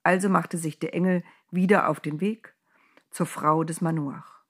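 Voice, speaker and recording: A woman tells a Bible story for children with a playful, lively touch. Her voice sits low for a woman and has a breathy, husky edge. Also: a little slow.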